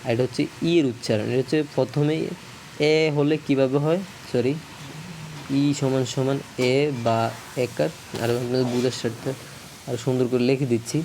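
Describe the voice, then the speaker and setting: Brief: man teaching a casual video lesson, middle pitch, halting, self-correcting, faint noise behind. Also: steady tone, darkish tone. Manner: repeats checks for understanding.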